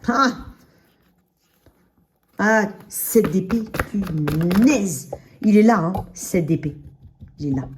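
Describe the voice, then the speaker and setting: There's background noise as a woman gives a casual tarot reading right to the listener, frequently tagging on short check-ins. She has a medium pitch and lively intonation, draws out her words, and pauses often; braces slightly slur her speech.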